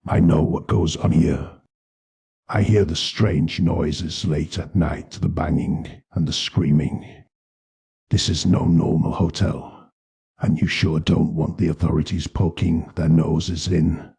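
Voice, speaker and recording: A man's voice: a bass voice, steady tone, takes it slowly, vocal fry, warm tone, slightly rough, exaggerated voice. A man voicing a mocking, menacing male killer staying at a hotel, with a sneering, taunting delivery. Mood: threatening.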